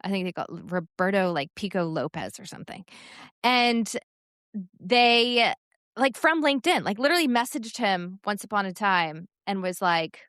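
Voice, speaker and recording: Woman, podcast co-host, casual sports chat, chatty, laughs a lot, smooth resonant voice. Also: mid-range voice, lively intonation, normal speed, a bit bright, no echo, clean studio sound. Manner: chatty, laughs often, many fillers.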